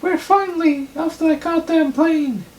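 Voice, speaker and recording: A man voicing an excitable young male traveller in a squeaky falsetto with a slight Irish twang. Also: unhurried, reverberant, slight background noise. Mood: shrill.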